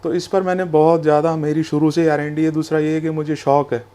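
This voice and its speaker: A man who founded a food business, explaining its history in a calm, storytelling way and mixing English phrases into his talk. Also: on the high side, fairly quick. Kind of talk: business interview.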